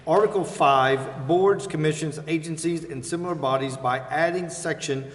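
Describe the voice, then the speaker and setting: In an echoey council chamber with noticeable background noise, an American meeting chair formally reads through the agenda. His voice is a bit high and his pace is normal.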